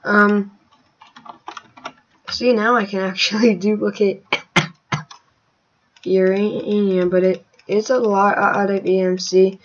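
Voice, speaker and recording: Woman, casual gameplay commentary, unhurried, rambling, muffled lo-fi sound. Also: mid-range voice. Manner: rambling, with many fillers and sudden excited outbursts. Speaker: gaming channel host.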